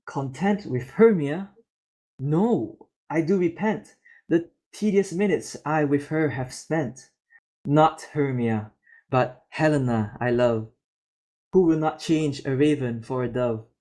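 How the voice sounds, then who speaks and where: A man's voice: a little high, slow pace, mellow. A man voicing a besotted young nobleman in an amateur Shakespeare reading, declaiming the verse steadily. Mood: fervent.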